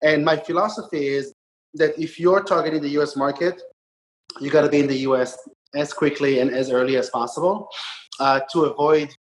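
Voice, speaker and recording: A man's voice: a little high, brisk, reverberant, rough recording. A man from Israel in his thirties, a podcast guest talking casually with many ums and uhs. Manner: relaxed, frequent ums and uhs. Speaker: podcast guest, startup investor. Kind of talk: conversational interview.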